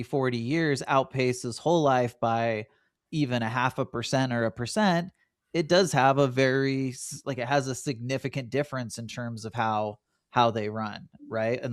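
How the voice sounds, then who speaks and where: A man's voice: mid-range voice, steady tone, no echo, studio quality. A man hosting a podcast, steering the discussion and affirming his co-host's points in a conversational way. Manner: guiding, affirming, quick back-and-forth. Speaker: podcast host.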